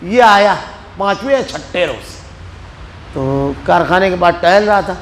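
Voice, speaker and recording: A man with an Indian Urdu accent from Maharashtra, teaching a religious lesson in a mosque as an animated storyteller. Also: high-pitched, slight background noise, low-quality recording. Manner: animated storyteller acting out quoted speech. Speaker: Quran teacher.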